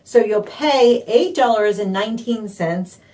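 An excitable woman walks viewers through store deals in a bubbly, filler-heavy live stream. Her voice sits a bit high and sounds picked up from some distance away. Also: measured pace. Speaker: couponing show host. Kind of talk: live-streamed deal rundown.

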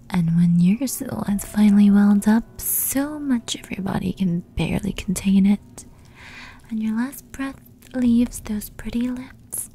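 In a teasing, breathy ASMR roleplay whisper, a woman plays a seductive, menacing female demon toying with her prey. Her voice is mid-range and mellow, with a little hiss or hum in the background.

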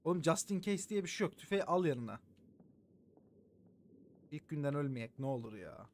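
Man, live game streamer, somewhat high-pitched, joking, foul-mouthed, greets viewers, light background hiss. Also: sing-song, normal speed. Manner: joking, swearing often, thanking viewers by name. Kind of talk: live gameplay commentary.

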